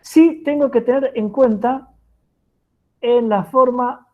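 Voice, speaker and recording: Over tinny, phone-like video call audio, an Argentine Spanish-accented woman gives an online lecture on French grammar. Her voice is on the high side and she speaks slowly, staying patient and frequently checking that her students are following.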